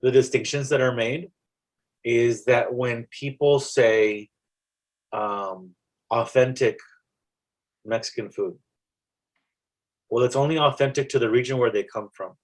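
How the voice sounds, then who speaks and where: A poet from South Texas, with the region's accent and a mid-range voice, discusses his work as a guest in a casual interview. He sounds reflective and halting, restarting often.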